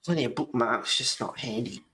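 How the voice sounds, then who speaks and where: A middle-aged woman with a smoker's rasp chats in a loose, rambling way. She sounds like a casual host talking to her viewers, giggly and informal. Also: extremely low pitch, expressive, normal speed, fairly bright tone, a little hiss or hum. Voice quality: raspy smoker's voice with a cough. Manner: rambling, giggly, reading aloud and replying to viewers. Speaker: host of a colouring video. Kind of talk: casual chat to live viewers.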